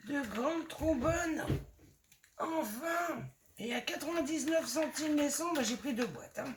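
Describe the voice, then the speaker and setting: Chatty woman with a slightly high, hoarse voice. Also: normal speed, background noise. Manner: chatty and gushing, lots of fillers. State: voice a bit hoarse. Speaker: scrapbooking vlogger. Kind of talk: casual haul video chat.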